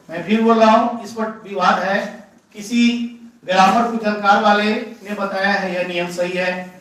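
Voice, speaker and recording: A high-pitched male teacher lectures a grammar class, going over each rule again and quizzing his students. His voice lands from a distance in a strongly echoing room. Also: fairly bright tone. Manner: repeats points, poses rhetorical questions to students. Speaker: English teacher. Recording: very echoey room, voice from far off the mic.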